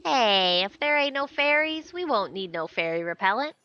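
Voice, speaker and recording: Storybook creature, female performer: cackling, crackly, cheeky haggler, folksy speech, bright and forceful. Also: on the high side, big pitch swings, normal speed, no room sound, highs cut off. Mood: wheedling, scheming. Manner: folksy ungrammatical wheedling. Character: cackling, haggling shiny-hoarding tree creature, rustic and cheeky.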